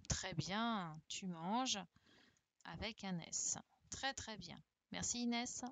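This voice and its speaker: A woman's voice: medium pitch, slow pace, creaky, a bit bright. A woman teaching a primary class online on a video call, patiently correcting exercises with her pupils, praising them and often checking "d'accord?". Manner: spells out word endings letter by letter. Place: home, virtual classroom.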